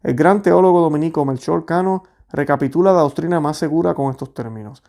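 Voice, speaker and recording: A man reading a history text aloud in a measured, steady way, then explaining it to his viewers. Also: on the high side, vocal fry. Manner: steady, measured reading with small restarts on words.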